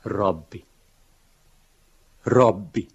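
A man's voice: lowish voice, a bit bright, breathy edge, lo-fi sound, pitched above the performer's own voice, heavily acted. A man voicing a sobbing, desperate wretch. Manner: sobbing, pleading cries.

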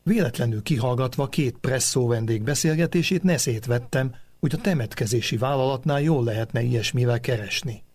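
Husky male memoir narrator. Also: medium pitch, darkish tone. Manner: measured, reflective storytelling. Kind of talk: memoir reading.

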